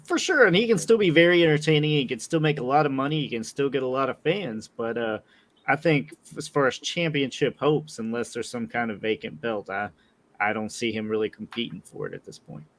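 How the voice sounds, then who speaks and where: A man's voice: mid-range voice, a little fast. Laid-back man hosting a boxing show. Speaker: podcast host. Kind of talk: casual chat.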